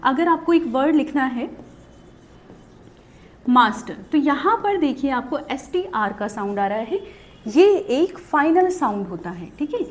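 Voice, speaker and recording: A woman with a high, very lively voice teaches a shorthand lesson. She walks through each step and poses questions to the viewer, then answers them. Her speech is a steady classroom explanation. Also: unhurried. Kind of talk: video lesson.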